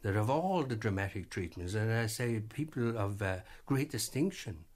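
This vintage radio interview guest has a fairly low, animated, slightly mellow voice. He's reflective but hesitant, stumbling through many fillers and restarts.

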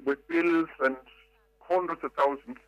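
An older Irish woman calling in to a radio show, her voice disguised by a pitch-altering distortion, telling her story in a measured, reflective way with hesitations. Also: fairly even intonation, no room sound, lo-fi sound. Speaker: caller. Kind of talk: phone-in radio call.

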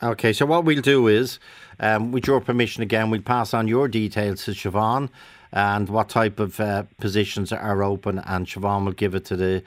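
An Irish man hosting a live radio phone-in, talking briskly and chattily with frequent restarts into a studio microphone. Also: fairly low pitch, fairly even intonation, dry recording.

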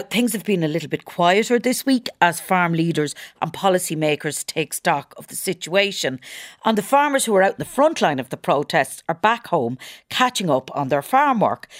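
A woman's voice: on the low side, no room sound, clean studio sound. An Irish woman presenting on radio and interviewing in a conversational, engaged way. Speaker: radio host. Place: radio studio.

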